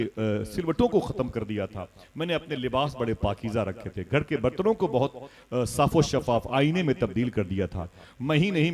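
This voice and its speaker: At a live religious gathering, a medium-pitched man preaches a sermon, telling a story and building to loud cries as he urges the crowd to respond.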